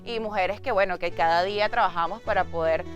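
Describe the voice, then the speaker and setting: A woman's voice: mid-range voice, a little fast, highs cut off, over loud music. A woman in a women's biker group, chatting casually in an interview with lots of fillers. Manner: chatty, many fillers like "o sea".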